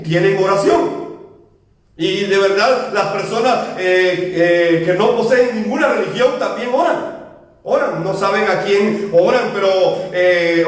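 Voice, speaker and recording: A male pastor with a Guatemalan accent, preaching a sermon and telling stories with frequent pauses and fillers. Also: high voice. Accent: Guatemalan Spanish. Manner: storytelling with many pauses and fillers. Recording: echoey room from a distance.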